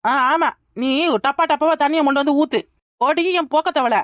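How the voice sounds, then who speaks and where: A woman's voice: high voice, fairly quick, no room sound, clean studio sound, close to an everyday voice. A woman voicing a blunt, sarcastic village woman who scolds in a cartoon. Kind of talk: cartoon voice acting.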